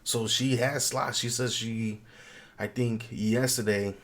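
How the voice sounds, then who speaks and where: A man's voice: medium pitch, fairly even intonation, slow pace, a bit bright. A man sick with the flu and a swollen throat, chatting casually and bluntly as a podcast co-host. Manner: blunt, freely swearing.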